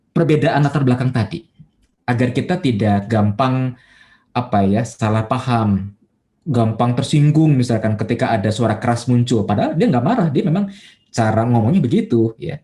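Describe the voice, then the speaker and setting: A man preaching as a pastor in a relaxed, conversational church talk, with many fillers and quoted everyday voices. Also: medium pitch, normal speed. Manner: acts out everyday quotes in a livelier voice. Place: church online service.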